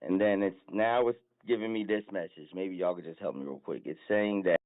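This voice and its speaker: A lowish male voice on a dry, tinny voice call. He speaks in an easygoing, slangy way. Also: brisk, no room sound. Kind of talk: casual chat, asking for help.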